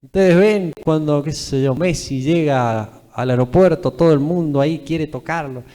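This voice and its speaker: A young man with an Argentine accent preaches a live sermon in a reverberant church hall. His fairly high, dark-toned voice moves at a normal speed, emphatic and repetitive, with phrases often tagged by a questioning "¿eh?".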